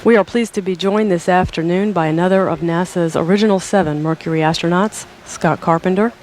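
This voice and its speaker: Over clear background noise, a man with a fairly high, even voice delivers formal launch commentary as the announcer. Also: a little fast. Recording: clearly noisy outdoor-sounding ambience.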